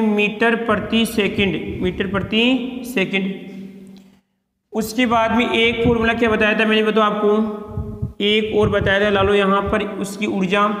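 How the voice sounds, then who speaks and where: A man's voice: sits high, fairly bright tone, reverberant, in a large hall. A man teaching an online chemistry class, asking his students questions and answering them himself, at times sternly scolding careless ones.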